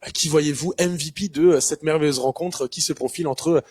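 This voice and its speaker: A man's voice: fairly high pitch, brisk, a little mellow, breathy edge, no room sound. Male live host, dry close sound. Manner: friendly, many hesitations. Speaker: co-host of a pre-match live. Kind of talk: live stream hosting.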